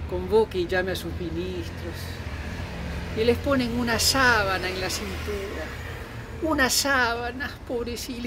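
A man's voice: sits high, background noise. A Peruvian man in his fifties with a Peruvian accent, delivering an angry political rant full of swearing and blunt scolding. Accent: Peruvian Spanish. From Peru. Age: 50s. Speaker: political vlogger.

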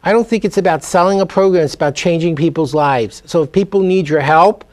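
A middle-aged man with a fairly high, slightly mellow voice talks a little fast as a guest on a TV business interview. A speed reading teacher, he speaks emphatically and energetically about learning on a TV studio set.

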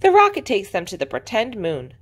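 A woman preschool teacher reading a picture book aloud to young children in an expressive, sing-song way. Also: mid-range voice, a little fast. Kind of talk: storybook read-aloud.

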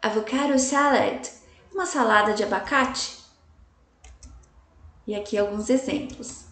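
Teaching a slide-based English vocabulary lesson to Portuguese speakers, a woman speaks in a slightly high voice with a fairly bright tone. Her delivery is slow and carefully enunciated, with repeated examples and frequent check-ins with students. She sounds distant in an echoey room.

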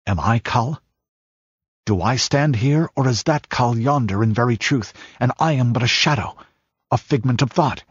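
A man voicing a brooding, grim warrior king who speaks low. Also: normal speed, husky, no echo, lo-fi sound, close to an everyday voice. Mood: shaken.

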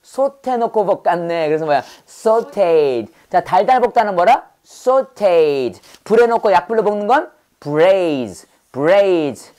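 A woman teaching English vocabulary in a brisk call-and-response drill. She fires off quick questions and repeats each word over and over. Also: fairly low pitch, animated, dark tone.

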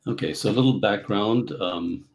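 A middle-aged man from Central Africa, telling his story as a guest on a video call, halting with many fillers. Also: fairly low pitch, a little mellow, rough recording. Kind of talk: casual interview storytelling. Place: home office.

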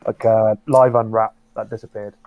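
A man's voice: fairly low pitch, little pitch movement, moderate pace, darkish tone. A man chatting casually in a joking, exaggerating way. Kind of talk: casual chat.

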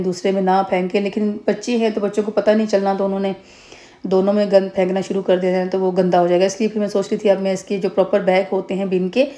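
A woman in her thirties from Pakistan talks through a casual home vlog into a phone camera held close. Her voice is warm and dark and stays even, with little rise and fall. She rambles along with many fillers and restarts. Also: medium pitch. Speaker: vlogger. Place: home, indoors.

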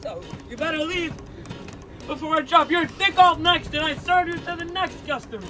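A man's voice: very high-pitched, moderate pace, soft background music, some chatter behind. A man playing a mumbling cannibal cook. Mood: threatening. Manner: hesitant, filler-heavy, erupts into loud threats. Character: cannibal diner cook, male, adult, menacing. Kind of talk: amateur comedy skit voice acting.

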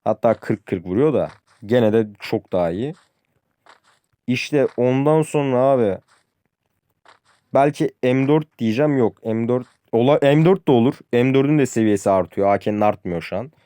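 Young male gaming streamer, irritated ranting commentary, dark mellow tone, dry close sound. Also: mid-range voice, moderate pace, dry recording. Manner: frustrated, ranting about the game; addresses viewers as friends, says "abi" often. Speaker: gaming youtuber. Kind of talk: casual gameplay commentary.

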